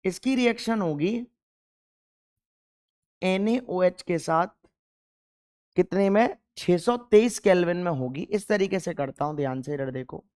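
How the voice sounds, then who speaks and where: A man's voice: sits high, expressive, measured pace, pauses often, darkish tone. A young man teaching chemistry in an exam-focused lecture, emphatic, repeating key points and firing questions at the class.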